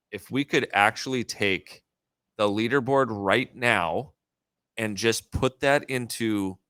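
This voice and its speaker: A man's voice: lowish voice, a bit bright, no room sound. A man is chatting on a golf show. He talks loosely and keeps correcting himself. The sound is close and dry. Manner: chatty, self-correcting, jokes about his own radio DJ voice. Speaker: golf podcast co-host. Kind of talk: casual chat.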